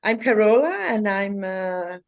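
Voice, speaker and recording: A middle-aged woman from Finland giving a halting webinar presentation over a video call, with many fillers and restarts. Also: mid-range voice. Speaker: market expert panelist.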